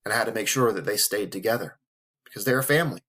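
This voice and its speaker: His voice is on the low side, fast, with a fairly bright tone: a vlogger in his thirties addressing the camera. He's earnest and motivational, mixing profanity with heartfelt words as he struggles not to cry.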